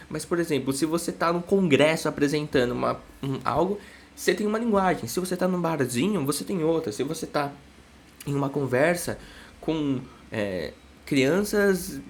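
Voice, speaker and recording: A man's voice: fairly high pitch, slight background noise. A young man, a psychologist giving a casual explanatory lesson, full of "né?" checks with his listeners. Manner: chatty, constant "né?" tag questions.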